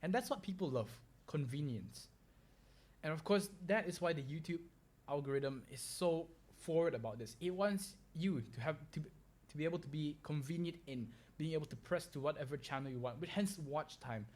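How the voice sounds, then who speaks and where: Young guy, solo podcast host, a little high-pitched, loose and rambling. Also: lively intonation, moderate pace, darkish tone. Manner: rambling, with fillers and restarts.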